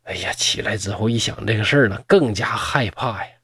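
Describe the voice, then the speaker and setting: A man's voice: fairly low pitch, a little fast, fairly bright tone, breathy edge, no room sound, clean studio sound. A man telling a folk tale in a chatty manner with mocking asides. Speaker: storyteller.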